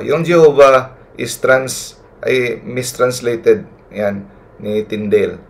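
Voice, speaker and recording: A man's voice: fairly low pitch, gravelly. A man giving a retreat talk, mixing Tagalog and English and often checking in with a questioning "no?". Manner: keeps adding a questioning "no?" to check the listeners follow; addresses listeners as brothers and sisters. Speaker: retreat speaker.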